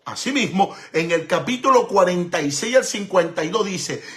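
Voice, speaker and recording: A man's voice: high voice, animated, moderate pace. A man preaching a sermon, emphatic and repetitive, asking rhetorical questions and mixing in Hebrew terms.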